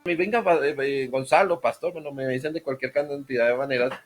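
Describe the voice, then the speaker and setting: A man's voice: mid-range voice, brisk, a little hiss or hum. A male pastor giving an informal sermon on prayer. He jokes and puts questions straight to his listeners.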